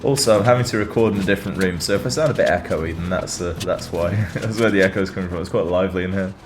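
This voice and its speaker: A man from the UK narrating his van build in a chatty, self-deprecating way, recorded in an echoey, lively room. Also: low-pitched, fast, music in the background. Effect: echoey, lively room sound. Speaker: van-conversion vlogger. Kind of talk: casual voice-over narration. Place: different, echoey room at home.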